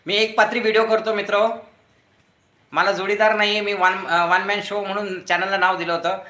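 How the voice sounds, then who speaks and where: A middle-aged man hosts a casual YouTube live stream from a room at home beside his front door, the sound roomy. His voice is high-pitched and flat at normal speed as he chattily reads viewer comments aloud, greets each viewer by name and thanks them warmly.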